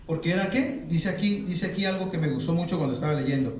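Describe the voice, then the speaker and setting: Preacher in an echoey hall. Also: male voice, a little high, fast talker, slight background noise. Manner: asks the congregation fill-in questions. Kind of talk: sermon. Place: church hall. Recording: very echoey hall, mic far off.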